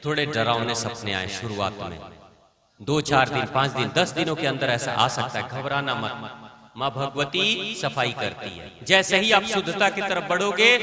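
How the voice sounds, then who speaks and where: A man giving a live spiritual discourse, telling homely stories in an animated way before an audience. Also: a little high. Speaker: spiritual preacher. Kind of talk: live religious discourse with storytelling. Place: large hall with audience. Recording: echoey hall with audience.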